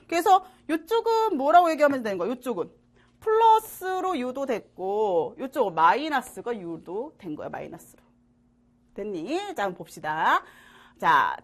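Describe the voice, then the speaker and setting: A woman teaching middle school science in an online lecture, playful and constantly checking that students follow. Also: fairly high pitch. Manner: animated, asks students frequent check questions; jokey and playful.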